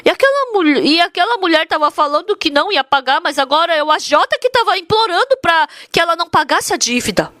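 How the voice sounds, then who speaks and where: A woman's voice: very high-pitched, sing-song, fast talker, few pauses, sharp tone, no echo. A woman interpreting a sermon, telling its story earnestly and with emphasis.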